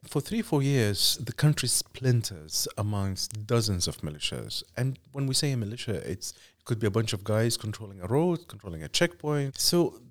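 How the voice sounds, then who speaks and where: Measured Iraqi-born man, low voice. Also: sing-song. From Iraq. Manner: measured, listing examples, occasional restarts. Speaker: journalist guest. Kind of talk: reflective interview answers.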